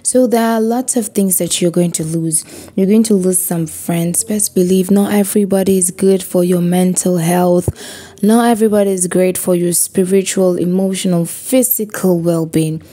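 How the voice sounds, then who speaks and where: A woman's voice: lowish voice, fairly even intonation, moderate pace, mellow. Emphatic woman giving a motivational pep talk. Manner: emphatic, preachy, repeats phrases for effect; addresses viewer directly, rhetorical questions. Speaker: motivational vlogger.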